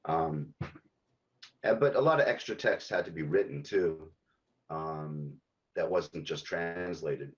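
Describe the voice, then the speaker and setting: A man, a game localization director, answering podcast interview questions haltingly, with many ums and restarts. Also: extremely low pitch, lo-fi sound.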